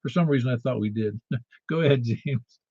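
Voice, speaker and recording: A man with a medium-pitched voice hosts a radio net in an informal, chatty way. The sound is dry and a little lo-fi. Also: moderate pace, dark tone, slightly rough, dry recording. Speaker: ham radio net host. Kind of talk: casual net control chat. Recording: slightly dull, dry lo-fi audio.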